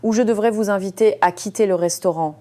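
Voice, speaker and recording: A woman voicing a firm, formal male head waiter who asks a guest to calm down, in an audio story. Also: mid-range voice, fairly quick, lightly acted. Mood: stern.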